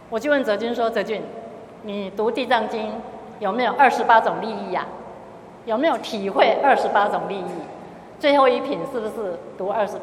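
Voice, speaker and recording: A woman's voice: medium pitch, reverberant, long reverb tail, a little hiss or hum. A middle-aged woman with a Taiwanese accent, a lay Buddhist speaker telling a gathering about her experiences and slipping into Hokkien phrases. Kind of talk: testimony talk to a gathering.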